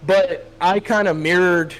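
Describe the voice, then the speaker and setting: Male podcast guest, a bit high-pitched, loose and jokey in his talk. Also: steady tone, unhurried, fairly bright tone, low-quality recording. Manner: loose, joking, rambling. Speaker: guest streamer. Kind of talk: casual podcast chat.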